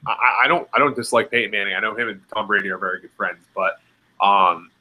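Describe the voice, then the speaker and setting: A young man co-hosting a podcast, speaking conversationally with hesitant pauses. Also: on the low side, sharp tone, poor audio. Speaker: podcast co-host. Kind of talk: casual chat.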